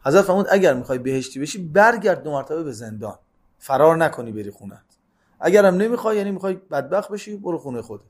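A man giving a religious talk. He reads out classical Arabic lines and then retells them in relaxed, colloquial speech, jumping between loud, stressed phrases and soft, quick asides. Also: fairly high pitch. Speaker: religious lecturer. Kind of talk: sermon-style hadith storytelling.

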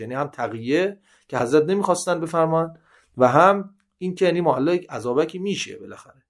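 A man giving a seminary lesson, reading Arabic narrations aloud and explaining each in conversational Persian, with sudden rises in pitch when he quotes. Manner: reads Arabic passages then paraphrases in colloquial Persian; animated, with sharp rises in pitch when quoting. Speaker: religious teacher.

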